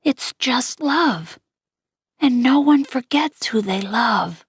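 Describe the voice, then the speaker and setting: A woman voicing a tired, loving mother who soothes her son in a hushed half-whisper. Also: fairly high pitch, expressive, slow, slightly rough, dry recording, clean studio sound, exaggerated voice. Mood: tired, tender.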